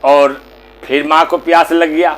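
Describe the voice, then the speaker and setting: A male religious storyteller narrates a moral tale in short, plain phrases. His voice sits high and he paces it slowly, like a patient preacher. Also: flat delivery, a bit bright, poor audio. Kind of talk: devotional story sermon.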